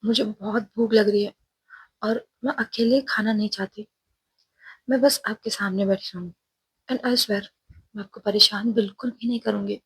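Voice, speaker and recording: A woman's voice: medium pitch, fairly even intonation, moderate pace, pauses often, breathy edge, no echo. A woman voicing a cheerful, clingy young college student who speaks in a cute, teasing way. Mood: sweet pleading.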